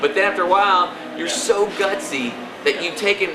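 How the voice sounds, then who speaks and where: A man's voice: high-pitched, moderate pace, reverberant, background noise. A man who works as a comedian, chatting casually in an interview about his career. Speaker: comedian guest.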